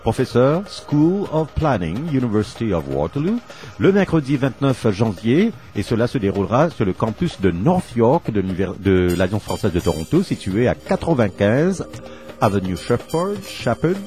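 A man's voice: medium pitch, sing-song, moderate pace, mellow, soft background music. A man hosting a radio show in a studio, playful and theatrical, who repeats his own words for effect and laughs often. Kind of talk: lively community radio hosting.

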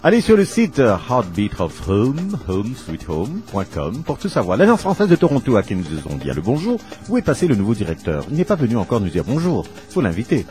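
A man's voice: mid-range voice, huge pitch swings, a little fast, hardly any pauses, mellow, faint music behind. A man hosting a radio show in a studio, playful and theatrical, who repeats his own words for effect and laughs often. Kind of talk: lively community radio hosting.

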